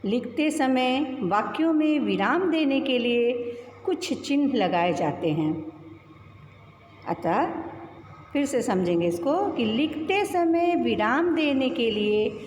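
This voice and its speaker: A woman teacher giving an online grammar lesson to young children, in a slow, sing-song voice that rises on each example. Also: sits high, animated, a little mellow. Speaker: school teacher. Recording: echoey room with long reverb and faint hiss.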